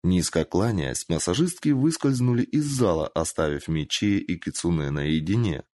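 A man narrating a story aloud with an animated, dramatic delivery. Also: low voice, normal speed, dry recording, clean studio sound. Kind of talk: expressive story reading.

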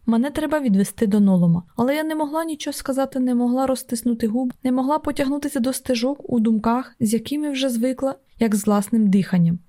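A woman reads a novel aloud in the first person, keeping a steady, even storytelling delivery. Her voice sits fairly high but sounds mellow and warm rather than bright. It is an audiobook narration from start to finish. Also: quick pace, few pauses.

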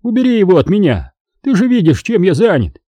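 A man's voice: sits high, very animated, fairly quick, warm tone, no room sound, voice pushed up. A man voicing a grumbling father who is tearful and impatient. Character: grumpy father chopping onions, tearful.

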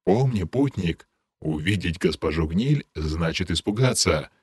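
A man voicing a solemn male game system announcer in an audiobook, speaking in a formal, measured way. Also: low voice, expressive, darkish tone, slightly rough, dry recording, pitched below the performer's own voice, exaggerated voice.

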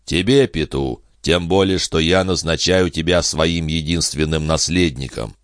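Man doing a gruff, stern older farmer. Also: a bass voice, a little slow, no echo, clean studio sound. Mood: grave. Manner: terse, stern, grumbling.

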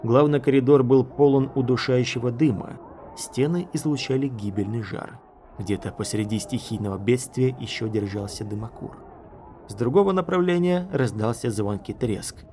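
A man's voice: medium pitch, warm tone, slight background noise. Male audiobook narrator. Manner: measured storytelling.

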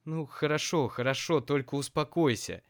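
A man's voice: medium pitch, normal speed, clear, resonant tone, lightly acted. A man voicing an anxious older mother who pleads with and soothes her son in an audiobook.

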